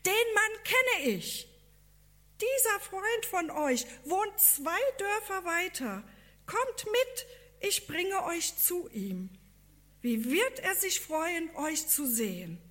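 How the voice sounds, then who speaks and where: A woman voicing an excited, gesturing male village farmer who talks eagerly and insistently. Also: a little high, slow, heavily acted.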